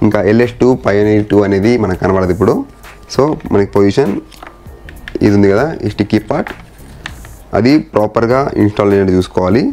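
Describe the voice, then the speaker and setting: A motorcycle vlogger with a lowish, darkish voice talks casually through a hands-on installation. He mixes English words and phrases into his informal walkthrough.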